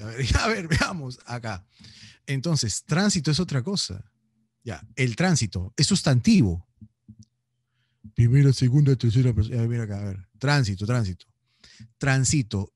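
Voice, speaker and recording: A man's voice: medium pitch, breathy edge, no echo, clean studio sound. A man with a Peruvian accent teaching a class, teasing and playfully scolding his students and laughing often. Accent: Peruvian Spanish. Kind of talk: joking online class lecture.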